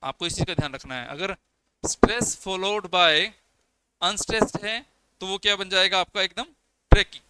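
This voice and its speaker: A young male teacher with a bright, forceful voice pitched a little high, explaining metrical feet one step at a time. He counts syllables aloud, checks in with his students often, and says terms. Faint noise sits under the recording. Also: lively intonation, fast, low-quality recording. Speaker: English lecturer. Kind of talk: exam coaching lecture.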